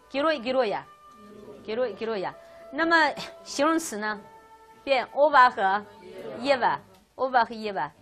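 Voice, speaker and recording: A woman teaching a Russian grammar class, lecturing lively and asking questions she answers herself. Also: a little high.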